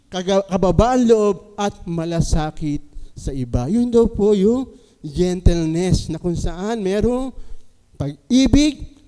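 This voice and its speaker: A man preaches a sermon, his voice high yet resonant and warm. He keeps drawing the congregation in with polite questions, and a long church hall reverb trails behind every phrase. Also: clear, resonant tone. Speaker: pastor. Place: church sanctuary.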